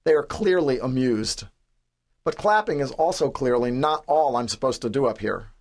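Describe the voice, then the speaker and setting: A man's voice: medium pitch, animated, moderate pace. A man in his forties from the New York City area, reading his own memoir aloud in a wry, understated, self-deprecating way. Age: 40s. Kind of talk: scripted audiobook narration.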